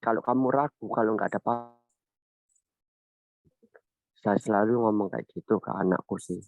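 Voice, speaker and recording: A man, sharing about parenting in a casual, halting way on a video call. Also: on the low side, gravelly, no echo. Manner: halting, many restarts and fillers. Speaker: parent sharing in a church group. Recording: tinny video call audio.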